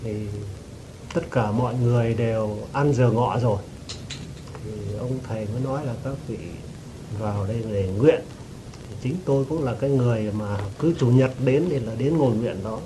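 A man respectfully telling his teacher a story he witnessed, in a hesitant, halting way, with frequent restarts and throat-clearing. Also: medium pitch. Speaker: devotee giving testimony. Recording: noisy recording with rain behind.

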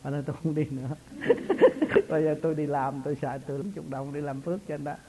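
Guy, kinda high voice, spiritual teacher chatting casually, laughs a lot. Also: steady tone, racing, dark tone, low-quality recording. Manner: chatty, laughs often, folksy storytelling. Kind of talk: casual religious talk.

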